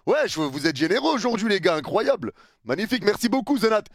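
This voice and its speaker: A man's voice: high voice, big pitch swings, fast talker, no room sound, clean studio sound. A young man streaming live, chatting casually in slang and thanking viewers for their subs. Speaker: streamer reacting to a video.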